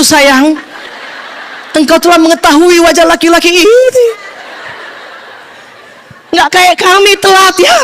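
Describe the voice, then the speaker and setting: A middle-aged woman leads a seminar with a high, bright voice. She tells stories with playful animation and keeps turning to her audience with questions. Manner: playful, animated storytelling that addresses the audience directly. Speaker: seminar speaker on marriage and parenting. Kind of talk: lively seminar talk.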